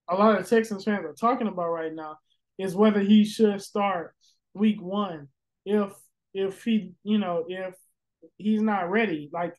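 A man's voice: high voice, poor audio. A man hosting a casual sports podcast, rambling with lots of fillers, restarts and swearing. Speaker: podcast host.

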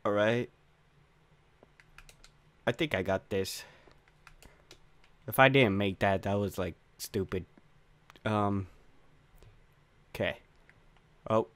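Swearing, raging, and yelping whenever a jump goes wrong, a young gamer talks through his Minecraft parkour runs, his voice cracking high on the failures. His tone is fairly bright, and there's no echo.

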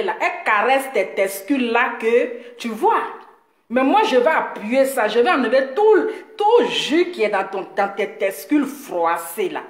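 A woman talking straight to her viewers in a boastful, mocking rant, teasing her critic with drawn-out words and frequent laughs. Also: fairly high pitch. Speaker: video blogger addressing her audience. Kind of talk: boastful direct-to-camera rant. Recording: echoey room.

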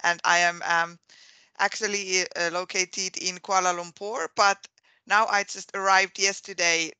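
A woman from Finland with a Finnish accent, an education specialist introducing herself on a video call with hesitant pauses and restarts. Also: on the low side, steady tone, sharp tone, clean tone, no echo. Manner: hesitant, many fillers and restarts. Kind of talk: introducing herself in an online meeting.

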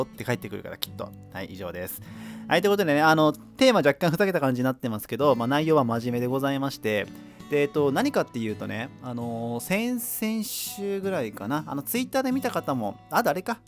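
Male radio host, casual solo talk, animated delivery, quick, faint guitar behind. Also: fairly high pitch. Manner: chatty, lively, laughs at himself.

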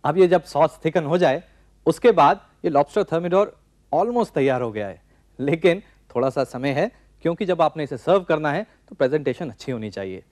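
A man in his forties hosting a TV cooking show, calmly explaining a recipe step by step from a studio kitchen set. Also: a little high, moderate pace, dry recording. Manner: calm step-by-step instructing. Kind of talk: cooking demonstration.

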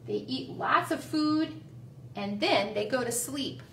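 Librarian for kids' storytime; expressive, high, lively, slow, roomy room with a distant mic. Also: female voice, slight background noise. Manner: sing-song, gentle, expressive. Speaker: children's librarian. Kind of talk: storytime read-aloud.

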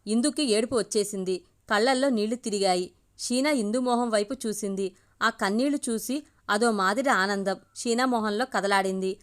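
A woman reading a family story aloud as a steady storyteller. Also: medium pitch, moderate pace. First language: Telugu.

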